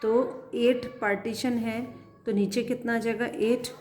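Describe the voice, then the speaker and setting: Slow, patient maths teacher, woman. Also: on the high side, flat delivery, a little mellow, reverberant, a little hiss or hum. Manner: slow and patient, counting aloud and asking pupils questions. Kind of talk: classroom math lesson, writing as she explains.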